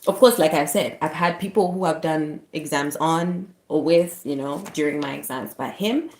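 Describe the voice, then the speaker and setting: A woman's voice: deep voice, normal speed, darkish tone, slight background noise. A young woman in casual personal storytelling, heartfelt and rambling as she corrects herself, recalling an elderly patient she cared for. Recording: roomy echo.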